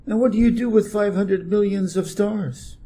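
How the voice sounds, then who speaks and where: A man's voice: high-pitched, moderate pace, dark tone, breathy edge, pitched above the performer's own voice. A man voicing a curious, persistent young boy prince in a storybook, innocent and full of questions. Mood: curious, insistent. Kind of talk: storybook character reading.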